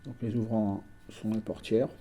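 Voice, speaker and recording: A man's voice: on the low side, flat delivery, normal speed, dark tone, a little hiss or hum. A man chatting casually at home as a collector vlogger, hesitant and talkative, with many fillers and restarts. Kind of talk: casual chat.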